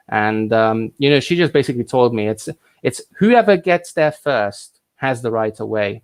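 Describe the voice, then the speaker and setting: A man born in Hungary and raised in England, hosting a casual live stream and chatting in a rambling way with lots of restarts and asides. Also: mid-range voice. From Hungary, raised in England from thirteen. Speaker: livestream host answering viewer questions.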